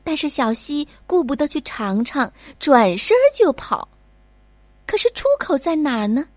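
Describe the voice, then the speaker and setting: A woman narrating a bedtime story for children in a slow, soft, sing-song way. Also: high voice, very animated, no echo.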